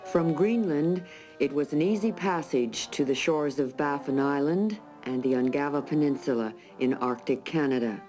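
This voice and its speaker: A man reading scripted documentary narration in a measured, formal way. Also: on the high side, a little mellow, soft background music, poor audio.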